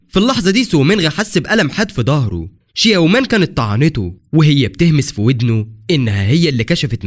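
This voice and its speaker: A man with an Egyptian accent narrating a scripted story recap in a dramatic, rapid retelling. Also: a little high. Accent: Egyptian Arabic.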